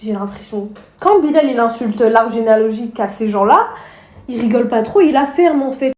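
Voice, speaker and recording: A woman's voice: a little high, lively intonation, fairly quick, darkish tone, reverberant. A young woman telling a casual story rant, chatty and amused. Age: young adult.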